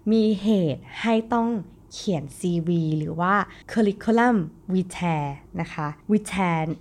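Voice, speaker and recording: A woman's voice: on the low side, moderate pace, gravelly, darkish tone. Chatty woman podcast host. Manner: chatty, addresses listeners directly with polite particles. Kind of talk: casual solo podcast talk.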